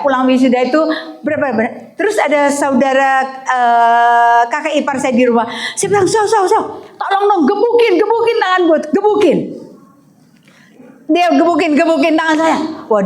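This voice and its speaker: A woman pastor preaching with a personal testimony, storytelling in a lively way and acting out the voices of the people in her story. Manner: animated storytelling, acts out voices, expressive pitch swings.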